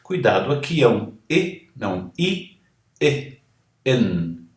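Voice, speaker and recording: A man's voice: medium pitch, sing-song, slow. A man with a Brazilian Portuguese accent, an English teacher giving a pronunciation lesson who models words, spells them out and repeats them to explain. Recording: echoey room.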